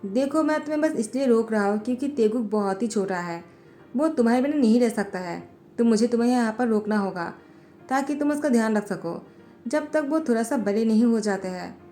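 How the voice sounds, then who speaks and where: A woman's voice: a little high, expressive, fairly quick, warm tone, lightly acted. A woman voicing a cold, scheming young male company president who gives curt orders in a storybook narration, with faint music behind her. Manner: curt, bossy.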